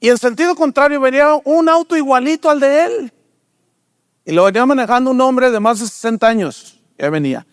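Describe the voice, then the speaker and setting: A man's voice: brisk, no echo, studio quality. An older man preaching a sermon, asking the congregation rhetorical questions and acting out characters in his stories. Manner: animated storytelling, acts out characters in raised pitch. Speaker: pastor.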